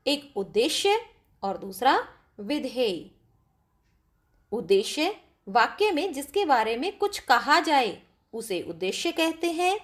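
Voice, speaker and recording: A woman teacher explaining grammar to pupils step by step, often asking them questions. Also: sits high. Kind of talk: classroom grammar lesson.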